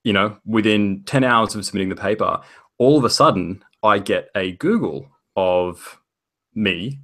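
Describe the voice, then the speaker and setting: A man co-hosting a podcast, chatting casually in a halting way with many restarts. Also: lowish voice, fairly bright tone. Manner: hesitant, many fillers and restarts, laughs easily. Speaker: podcast co-host. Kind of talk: casual chat.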